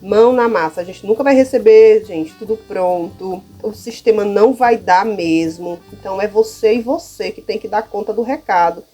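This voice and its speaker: A woman's voice: mid-range voice, moderate pace, few pauses, mellow, soft background music. A Brazilian woman teacher with a Brazilian Portuguese accent, walking through classroom material in a casual, chatty way and often checking in with her listeners. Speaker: primary school teacher. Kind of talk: casual how-to demonstration.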